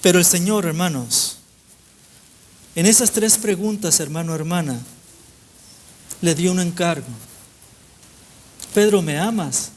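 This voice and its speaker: A man preaching a sermon to his congregation, in a repetitive cadence that falls softer at the end of each phrase. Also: high-pitched, a little slow, long pauses, slight background noise. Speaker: pastor.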